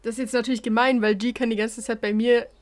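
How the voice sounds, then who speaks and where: Young woman, slightly high voice, can't quite say R, casual podcast chat. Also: little pitch movement, fast talker. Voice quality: trouble pronouncing the R sound. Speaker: podcast co-host.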